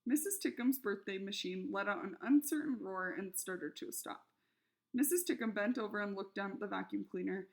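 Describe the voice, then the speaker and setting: A woman reading a children's novel aloud, expressive and lively in the characters' shouted lines. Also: mid-range voice, a little fast, gravelly. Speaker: reader.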